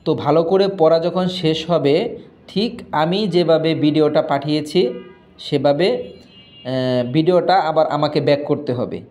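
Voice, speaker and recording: Man, recitation teacher, mellow tone, slightly high voice, drawn-out spelling, brisk asides. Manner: slow drawn-out spelling, then brisk explaining. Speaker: Quran reading teacher. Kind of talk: Quran recitation lesson for students.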